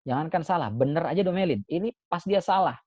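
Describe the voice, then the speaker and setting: A male Islamic preacher giving a sermon, expressive, moving between emphatic points and soft, hushed asides. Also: fairly high pitch, fast, no room sound, dull audio. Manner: expressive, swings between emphatic and soft hushed delivery, frequent pious exclamations.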